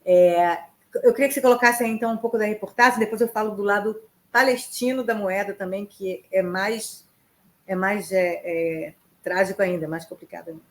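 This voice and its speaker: A woman correspondent giving conversational news commentary, talking in a halting way with many restarts and fillers. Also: medium pitch.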